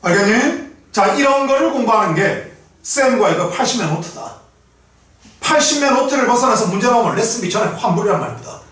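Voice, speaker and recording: A middle-aged man with a Gyeongsang Korean accent teaching English exam prep, blunt and rough-spoken, firing rhetorical questions at his students. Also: extremely high pitch, lively intonation, fairly quick, a bit bright. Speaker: English tutor. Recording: echoey room, mic set at a distance.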